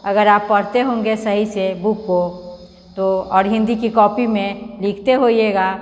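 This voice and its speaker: A woman's voice: mid-range voice, fairly even intonation, a little slow, in a large hall. A woman Hindi teacher giving a children's lesson, patiently sounding out words syllable by syllable and coaxing her pupils along. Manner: coaxing, calls pupils "beta".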